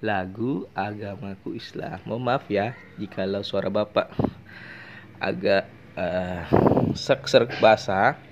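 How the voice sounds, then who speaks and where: A man teaching a religion lesson to children, talking slowly and carefully. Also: fairly low pitch, background noise. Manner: slow and deliberate, addressing children. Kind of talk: classroom lesson with singing.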